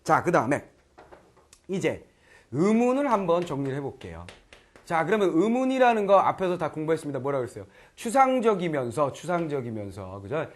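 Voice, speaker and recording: A middle-aged man teaching Korean grammar in an online lecture, often asking if students follow and acting out learners' lines. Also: on the high side. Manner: lively, keeps checking students understand; acts out foreign learners' lines in quoted voices.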